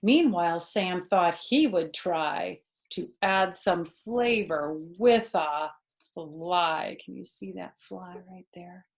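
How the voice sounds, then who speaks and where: In a small furnished living room, a woman reads picture books aloud to children, adding chatty asides. Her voice is lowish with vocal fry, and she goes slowly and deliberately, explaining words in simple terms.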